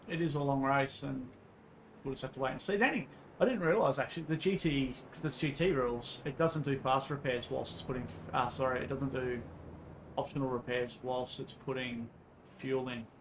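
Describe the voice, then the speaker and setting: Australian man, laid-back blokey streamer, casual commentary, fry in the voice, faint background noise. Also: medium pitch, normal speed. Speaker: livestreamer racing in an online endurance sim race. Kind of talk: casual livestream commentary to chat.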